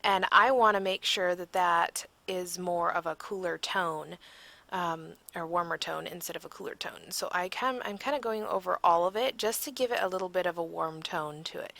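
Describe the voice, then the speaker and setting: A woman's voice: on the low side, normal speed, gravelly, bright, forceful tone. A tired woman giving a casual voiceover for a craft video, rambling and searching for words with frequent ums. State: yawning, tired. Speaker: crafter narrating a process video.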